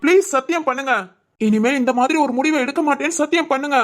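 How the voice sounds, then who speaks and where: A woman voicing a gentle young husband in a dubbed cartoon drama, earnestly pleading and reassuring. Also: high-pitched, quick pace, natural voice.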